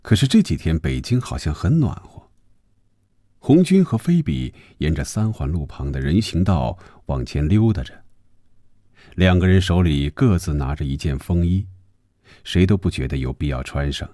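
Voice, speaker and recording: A man narrating a novel for a radio audiobook with an expressive, fluid storytelling manner, recorded on a close studio mic. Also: very deep voice, moderate pace, no echo.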